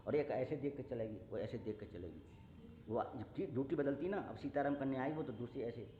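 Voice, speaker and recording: A male preacher giving a devotional sermon, telling homely stories and breaking into slow, drawn-out chanted verses. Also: mid-range voice, a little hiss or hum. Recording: echoey hall, dull lo-fi sound.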